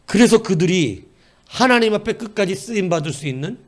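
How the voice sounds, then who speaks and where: A man preaching a sermon in church, telling lively stories with jokes. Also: sits high, a little fast. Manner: animated, storytelling with jokes and acted voices. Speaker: pastor.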